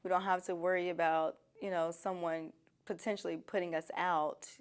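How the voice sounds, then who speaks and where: A woman's voice: fairly low pitch, little pitch movement, moderate pace, clear, resonant tone. A woman giving candid, conversational answers as an interviewee. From Nashville, Tennessee.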